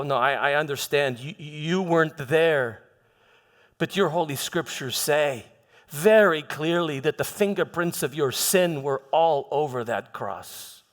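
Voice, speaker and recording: A man's voice: on the high side, a bit bright. A man playing a troubled Roman governor in a theatrical monologue, stammering and defensive as he justifies himself. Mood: accusing. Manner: halting, stammering, self-justifying, emphatic. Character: troubled, defensive male Roman governor Pontius Pilate confessing his past. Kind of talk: theatrical church monologue, first-person dramatization. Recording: long reverberant echo of a hall.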